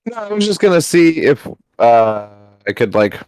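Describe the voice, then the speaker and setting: A man's voice: on the high side, big pitch swings, normal speed, darkish tone, clean tone, dry recording. A man playing a tabletop game, asking loose, rambling questions in casual chat. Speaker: player.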